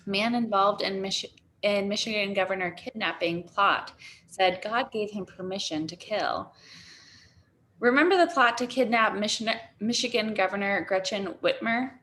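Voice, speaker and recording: A woman's voice: medium pitch, normal speed, fairly bright tone, a little hiss or hum. A woman co-hosting a talk show, reading a news article aloud for listeners. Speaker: co-host.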